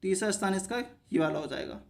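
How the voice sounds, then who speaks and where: A man's voice: high-pitched, lively intonation, quick pace, gravelly, a little mellow. A man teaching a shorthand lesson, explaining each step by asking himself short questions and answering them, and often stopping to check that viewers follow.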